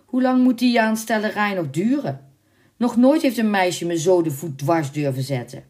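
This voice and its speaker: A woman's voice: low voice, lively intonation, unhurried, a little mellow. A woman voicing an arrogant, lustful young nobleman in a spoken storybook, with a haughty, demanding manner. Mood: indignant.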